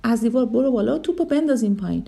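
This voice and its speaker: A woman's voice: fairly high pitch, lively intonation, gravelly, warm tone. A woman doing a cocky bully boy elephant. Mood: taunting. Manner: taunting, cocky. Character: big bully boy elephant, boastful and mocking.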